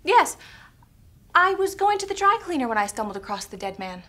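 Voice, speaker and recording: Woman playing a high, bright noir damsel in distress. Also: sing-song, brisk. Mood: earnest, dramatic. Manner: earnest, theatrical, overdramatic delivery. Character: breathless melodramatic female noir damsel in distress. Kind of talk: noir parody audio drama.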